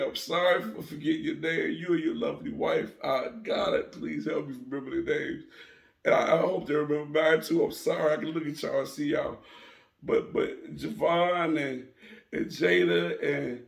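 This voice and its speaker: A man tells a story in a casual, animated way and keeps repeating himself. His voice sits high with a gravelly edge, and he takes his time. The room sounds echoey.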